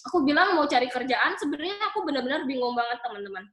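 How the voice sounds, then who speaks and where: A woman's voice: sits high, animated, fast, a bit bright, roomy sound, rough recording. A woman in her twenties from Bangka, Indonesia, telling her life story with emotion and many fillers. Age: 20s. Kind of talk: personal testimony talk.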